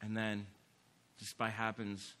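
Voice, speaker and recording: A man's voice: on the low side, completely flat delivery, takes it slowly, fairly bright tone. A man giving a casual, enthusiastic conference talk on stage, full of "like" and "um". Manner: enthusiastic, filler-heavy, many "like"s. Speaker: conference speaker. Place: conference stage before an audience.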